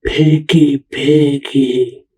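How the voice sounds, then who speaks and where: A woman voicing a timid, polite male monster with a low, breathy voice who breathes through his mouth, in a storybook read-aloud. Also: level tone, drawn-out words, mellow, full character voice, poor audio. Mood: polite, gentle. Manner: mouth-breathing, panting, formal.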